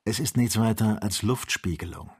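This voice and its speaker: A man voicing a calm, learned male doctor leading a balloon journey, in an audiobook reading. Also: fairly low pitch, normal speed, breathy edge. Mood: explaining. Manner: calm, explanatory.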